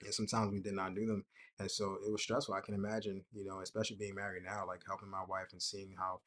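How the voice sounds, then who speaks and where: Young male host, low-pitched, easygoing chatty delivery with frequent laughs. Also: fast talker. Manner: relaxed, conversational, laughs often, acts out quotes. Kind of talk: casual personal talk to camera.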